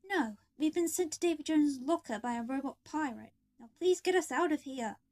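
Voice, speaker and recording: A woman's voice: high-pitched, expressive, moderate pace, darkish tone. A woman voicing a protective young older brother with a dry, sarcastic manner.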